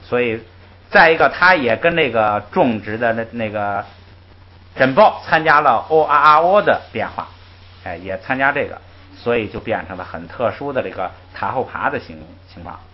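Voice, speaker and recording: Call-and-repeat drills fill this classroom lecture, where a man with a mid-range voice and normal speed teaches a language. He explains the rules patiently, keeps things lively with frequent "ai" interjections, and models syllables for repetition. Audio quality is muffled and lo-fi.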